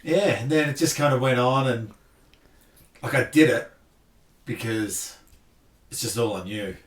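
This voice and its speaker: A man's voice: medium pitch, unhurried, recorded from a distance. An Australian man in his thirties chatting casually as a podcast guest, laid-back and self-deprecating. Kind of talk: casual chat. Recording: roomy sound, off-mic.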